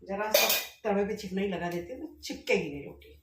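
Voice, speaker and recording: A middle-aged woman vlogs while cooking in her home kitchen, deliberately speaking loudly as she chats straight to her viewers at medium pitch and a slightly fast pace. Her camera sits at a distance, so her voice sounds off-mic and echoey, with loud music behind it.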